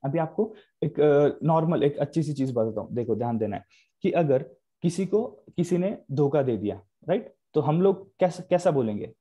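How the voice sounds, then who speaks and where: Hindi-speaking male grammar teacher, dark voice. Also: on the high side, animated, moderate pace, breathy edge. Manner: explains in Hindi mixed with English, repeats key terms. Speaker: online English grammar teacher. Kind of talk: live online lecture.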